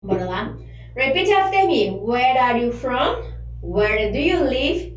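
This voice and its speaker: A woman teaching an online English lesson, chatting casually and drilling phrases slowly for students to repeat. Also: fairly high pitch, very animated, recorded from a distance. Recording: echoey room, voice from off-mic, faint hum.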